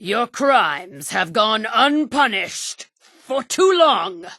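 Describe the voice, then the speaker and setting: A woman's voice: on the high side, big pitch swings, extremely slow, pushed and bright, dry recording, clean studio sound, heavily acted. A woman voicing a theatrical masked vigilante hero who speaks in grandiose, solemn pronouncements. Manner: grandiose, declamatory. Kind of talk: video game dialogue.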